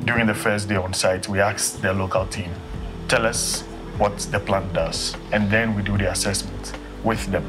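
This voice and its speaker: A man from Ghana with a deep voice explains his work in a steady, matter-of-fact way. It is a documentary interview. Clear background music runs under him. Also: normal speed. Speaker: biomedical engineer. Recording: interview with music bed behind.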